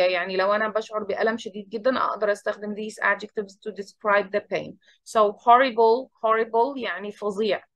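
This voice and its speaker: A woman's voice: medium pitch, fairly bright tone, no echo. Egyptian teacher woman, dry close sound. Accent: Egyptian Arabic. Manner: switches between quick Arabic and slow, carefully modelled English. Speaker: English teacher. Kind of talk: bilingual English lesson.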